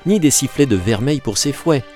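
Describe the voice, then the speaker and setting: A bitter, pleading young woman pours out her reproaches in an impassioned storybook reading, voiced by a man. Her pitch sits well above the reader's own low voice and swings widely, with faint music under the reading. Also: lively intonation, moderate pace, a little mellow, close to an everyday voice. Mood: bitter, reproachful. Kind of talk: audiobook reading.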